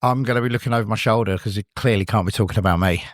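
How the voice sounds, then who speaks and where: A man's voice: on the low side, rapid-fire, no room sound, studio quality. A man playing a tabletop game, joking playfully. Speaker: player. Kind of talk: casual tabletop play.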